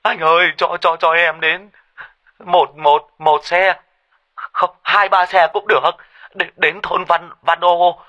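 A man's voice: sits high, sing-song, fairly quick, fairly bright tone, breathy edge, no echo, dull audio, pitched above the performer's own voice, full character voice. A man voicing a flustered young village husband who stammers and hurries. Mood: frantic.

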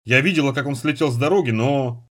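A man reading an audiobook voices a young woman who scolds loudly, weeps and shouts in emotional outbursts. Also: fast, close to an everyday voice. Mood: worried. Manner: high-pitched, loud, emotional outbursts. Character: young woman, fiery, tearful, quick to scold.

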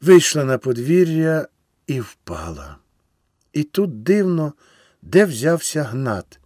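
A man narrating a literary audiobook in an expressive, measured reading voice. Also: a little high, dry recording, studio quality. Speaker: audiobook reader.

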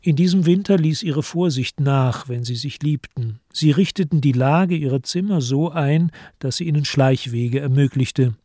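A male narrator reading a radio drama in a measured, calm storytelling manner. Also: a little high, no room sound, studio quality. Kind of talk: scripted narration.

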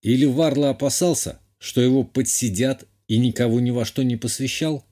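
Mellow-voiced man narrating an audiobook. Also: mid-range voice, moderate pace. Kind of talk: scripted first-person narration.

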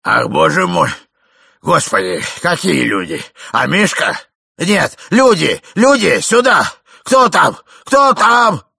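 A man's voice: on the high side, measured pace, gravelly, breathy edge, no room sound, studio quality, heavily acted. A man doing a flustered old husband. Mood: alarmed shouting. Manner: excited shouting.

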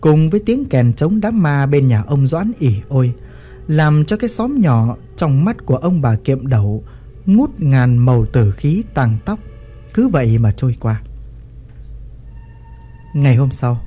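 A man reading a story in a measured, dramatic storytelling manner. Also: medium pitch, warm tone. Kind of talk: scripted story narration. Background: faint music.

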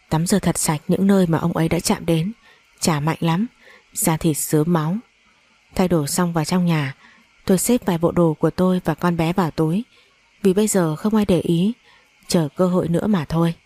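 Woman narrator, low mellow voice, measured emotional storybook reading. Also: no room sound. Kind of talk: first-person storybook narration.

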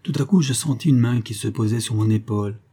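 A man narrates a literary story in an audiobook reading with a measured, even delivery. His voice is husky and dark, with a mellow, relaxed tone. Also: medium pitch.

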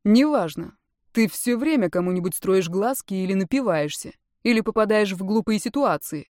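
A woman's voice: medium pitch, animated, moderate pace, darkish tone, dry recording, lightly acted. A woman reading a story, voicing a blunt, decisive young man in a dry, matter-of-fact tone close to her own voice. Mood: curt.

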